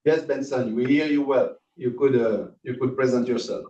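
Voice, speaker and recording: A man hosting and lecturing an online class, friendly and halting with many restarts, on a video call. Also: medium pitch, steady tone, mellow, a little hiss or hum. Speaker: course lecturer and host. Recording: distant, roomy, dull video call audio.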